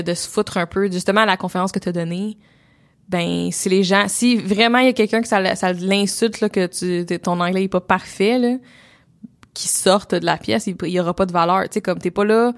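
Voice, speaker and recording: A woman's voice: medium pitch, fairly even intonation, normal speed. Québécois woman chatting thoughtfully. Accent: Québécois French. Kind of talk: casual conversation.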